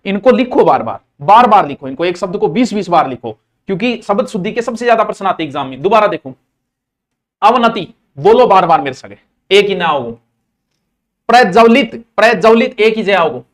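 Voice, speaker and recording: Teaching Hindi grammar to a class, this man repeats words again and again as a drill, adding playful, folksy asides along the way. He speaks at a moderate pace in a high, sing-song voice.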